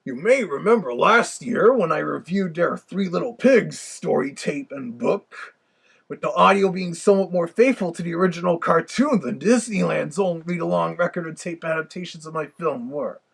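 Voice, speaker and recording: A man voicing a cartoon Big Bad Wolf with a gravelly, raspy voice, giving a wry, theatrical review commentary. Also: a little high, expressive, normal speed, heavily acted. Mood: chatty, wry.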